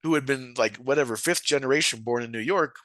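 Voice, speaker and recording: A man's voice: medium pitch, quick pace, a bit bright, dry recording. A man hosting a podcast, chatting casually and joking with rambling asides. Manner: joking, rambling, laughs often. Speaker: podcast host. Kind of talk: casual comedic chat.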